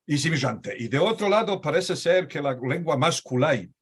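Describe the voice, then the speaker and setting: A man with a somewhat high, breathy voice hosts a video-call interview in Ladino. His intonation is lively and his pace moderate as he asks long, probing questions full of fillers and restarts.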